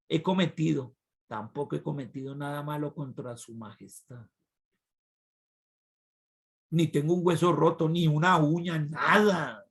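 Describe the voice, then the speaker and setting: Male preacher, gravelly and a bit high, animated storytelling sermon. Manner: animated, swinging from loud cries to low asides. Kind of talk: sermon retelling a Bible story.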